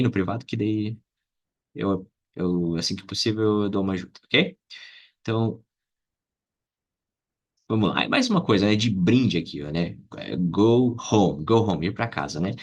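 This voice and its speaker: In a casual lesson to camera, a man with a low, husky voice and a Brazilian Portuguese accent teaches English. He explains slowly and repeats example phrases for his students.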